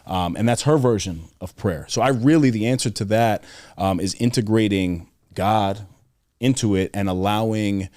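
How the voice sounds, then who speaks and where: A man's voice: fairly low pitch, moderate pace, dry recording, clean studio sound. Earnest man telling a heartfelt story. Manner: earnest and reflective, often drops to a soft, quiet voice when quoting. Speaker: podcast guest, author. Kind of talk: casual conversational storytelling.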